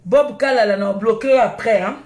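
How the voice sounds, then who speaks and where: Speaking at normal speed in a slightly high, somewhat mellow voice, a woman from Congo hosts her live stream with a heated, scolding rant full of insults. She has a Congolese French accent, and the room echoes.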